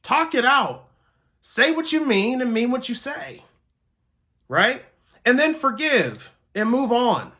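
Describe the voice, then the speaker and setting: A man's voice: extremely high pitch, big pitch swings, takes it slowly, pauses often, sharp tone. A man delivering an earnest motivational pep talk as a host, emphatic, repeating key phrases and checking in with listeners.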